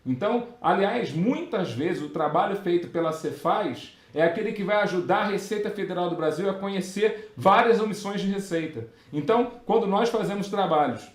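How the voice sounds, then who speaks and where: A Brazilian man with a high, bright voice tells a workplace story to his students. He talks in animated bursts full of fillers and asides, and the sound rings in a roomy, echoey space. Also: moderate pace, few pauses. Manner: animated anecdote telling, many fillers and asides. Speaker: tax auditor and exam-prep teacher. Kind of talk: live storytelling lesson, reading viewer questions.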